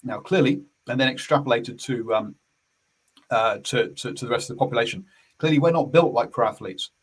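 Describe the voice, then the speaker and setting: A man's voice: medium pitch, fairly quick, breathy edge, poor audio. A man hosting a casual rugby radio chat, hesitant with many fillers and restarts. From New Zealand. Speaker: sports radio host.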